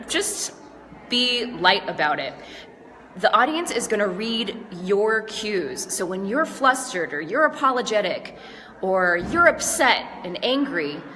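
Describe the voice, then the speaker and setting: A woman's voice: mid-range voice, pushed and bright, slight background noise. Congested woman vlogging in an echoey hall. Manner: upbeat, chatty, asks the viewer questions. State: congested from allergies. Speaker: speaking coach. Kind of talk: casual tips vlog. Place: large stage venue.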